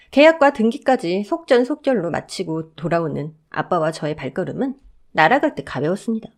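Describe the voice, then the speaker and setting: A woman's voice: medium pitch, a little mellow. A woman narrating a scripted story in a chatty, confiding way.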